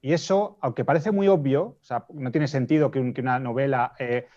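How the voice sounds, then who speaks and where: Spanish male panelist, explanatory and hesitant, mid pitch, slightly muffled lo-fi audio. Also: a little fast, darkish tone. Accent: Spain. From Spain. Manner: explanatory, restates points, frequent hesitations. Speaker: debate panelist. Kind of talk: casual panel discussion. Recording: dull lo-fi audio.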